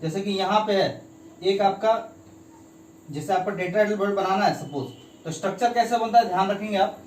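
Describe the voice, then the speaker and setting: A man's voice: high-pitched, normal speed, a little mellow, slight background noise. A man teaching a chemistry lesson, constantly asking the class questions and repeating key terms. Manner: keeps asking students quiz questions; mixes in English terms, repeats key phrases. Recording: echoey room, mic at a distance.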